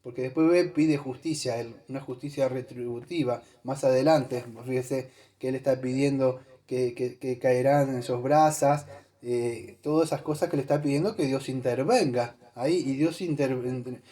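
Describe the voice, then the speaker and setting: A man's voice: medium pitch, steady tone, moderate pace, mellow. A male pastor, preaching a conversational sermon to his congregation, talking to them directly and thinking aloud while he hunts for Bible verses. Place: church.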